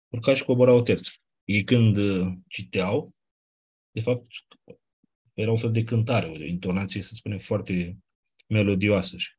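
A man with a lowish, slightly breathy voice teaches a class about Ancient Greek accents. He takes his time explaining the grammar rules and repeats what matters most.

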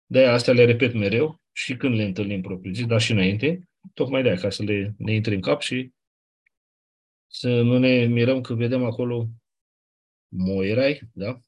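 A man's voice: medium pitch, darkish tone. A male teacher explaining a lesson in an informal way, checking in with his students and repeating the key points.

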